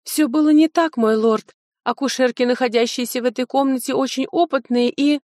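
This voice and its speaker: A woman voicing a fawning, panicky old male steward who pleads in a whiny, shrill way. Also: fairly even intonation, fairly quick, a little mellow, no echo, clean studio sound, natural voice. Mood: pleading.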